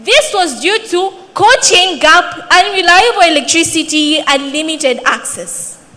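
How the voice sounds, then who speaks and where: A young woman with a Zambian accent speaks in a high, bright voice. She gives a formal, rehearsed pitch, and her words ring through a very reverberant hall. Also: animated, measured pace. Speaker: student company CEO presenting. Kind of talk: competition pitch speech.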